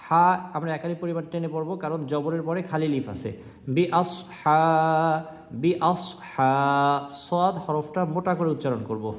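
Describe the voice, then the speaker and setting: A man teaching a Quran lesson, spelling out each word letter by letter and then reciting it slowly and drawn out, with quick explanations in between. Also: a little high. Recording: long hall reverb.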